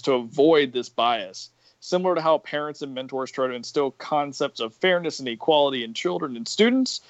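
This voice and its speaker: A man's voice: mid-range voice, no room sound, highs cut off. A man co-hosting a podcast, reading a news story aloud and then commenting on it in casual chat. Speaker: podcast co-host.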